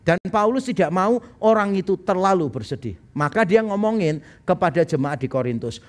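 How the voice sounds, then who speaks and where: A man's voice: high-pitched, sing-song, moderate pace. A male pastor preaching a sermon at a live-streamed church service in a conversational style, sometimes acting out the people he quotes.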